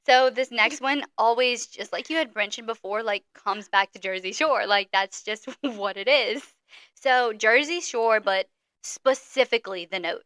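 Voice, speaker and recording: Bright-voiced, giggly young woman co-host. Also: mid-range voice, no room sound. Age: young adult. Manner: giggly, quick to laugh. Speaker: podcast co-host. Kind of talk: casual chat.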